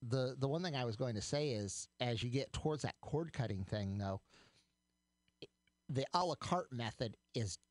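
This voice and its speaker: A man co-hosts a tech talk radio show, chatting casually and hesitantly with plenty of fillers, repeats, and restarts. His mid-range voice is expressive, at normal speed, and there's no room sound.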